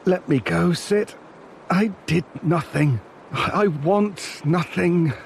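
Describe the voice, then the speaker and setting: A man's voice: high voice, slow, creaky, slight background noise, exaggerated voice. An actor playing a frightened, ragged man who pleads in a muffled voice from under cloth, in a full-cast audio drama. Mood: fearful. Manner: fearful, pleading.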